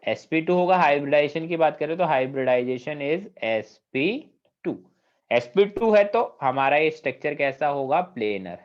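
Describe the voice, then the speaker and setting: A man's voice: on the high side, animated, unhurried. A man teaching chemistry in a classroom lecture, asking students questions and mixing English terms into his Hindi. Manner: asks the class questions and checks understanding often; mixes English technical terms into Hindi speech. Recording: dull lo-fi recording.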